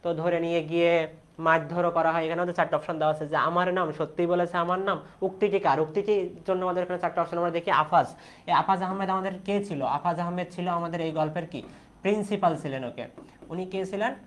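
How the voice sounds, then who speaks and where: A man's voice: fairly high pitch, fairly even intonation, quick pace, a bit bright. A young man from Bangladesh teaching an online exam-prep class in Bengali, asking questions and repeating the key answers.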